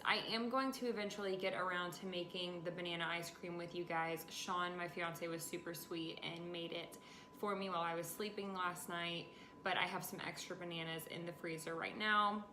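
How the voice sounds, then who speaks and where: A woman's voice: fairly low pitch, steady tone, moderate pace, pushed and bright. A woman in her twenties chatting casually to camera in a home kitchen, explaining things step by step, a little tired while recovering from dental surgery. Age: 20s. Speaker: vlogger. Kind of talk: casual vlog chat to camera. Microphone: camera or phone a short distance away. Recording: echoey kitchen, clear background noise.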